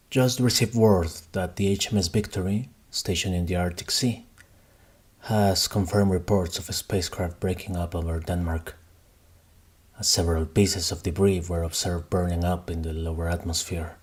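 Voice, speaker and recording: A man playing a composed radio DJ in an audio drama, announcing songs and scripted news in a measured, solemn way. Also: low voice, steady tone, a little mellow, breathy edge. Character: composed post-apocalyptic radio DJ reading news.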